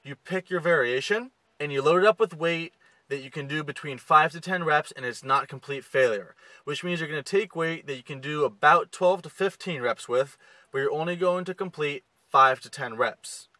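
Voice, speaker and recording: A young man in his twenties talks straight to the camera from the driver's seat of a car, laying out gym steps in a steady, instructive way. His voice is bright and forceful, a little higher than most men's, and sounds close and dry. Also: moderate pace, no room sound, low-quality recording. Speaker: fitness coach. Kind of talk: direct-to-camera fitness tips. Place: inside a parked car. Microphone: camera close to the face.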